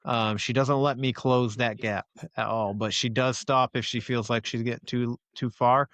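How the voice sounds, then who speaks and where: A man's voice: medium pitch, steady tone, moderate pace, a bit bright, no echo. A man hosting a podcast, telling a long rambling story in casual chat with friends, swearing freely and leaning on fillers. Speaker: podcast host.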